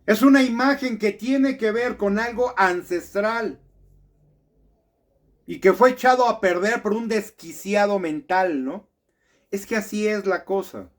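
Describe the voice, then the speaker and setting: Male commentator, indignant monologue, slightly higher voice, rhetorical questions. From Mexico. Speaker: political commentator.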